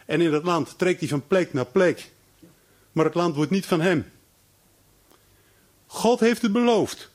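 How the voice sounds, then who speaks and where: A man delivers a sermon with a husky, slightly breathy voice that sits a little high for a man. He retells the story dramatically, slipping into the voices of the people in it and stumbling over repeated restarts. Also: moderate pace. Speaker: preacher.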